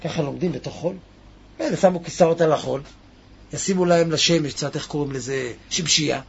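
Animated gravelly high-voiced male teacher. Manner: animated, with many rhetorical questions to the class. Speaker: Torah teacher. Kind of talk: Talmud lesson, reading Aramaic and explaining. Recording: dull lo-fi recording.

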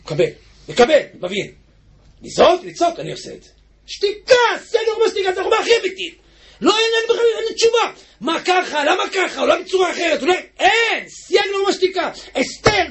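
Male preacher with a very high, lively voice, fervent sermon delivery, shouting then dropping to hushed asides. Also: a little hiss or hum. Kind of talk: impassioned Torah sermon.

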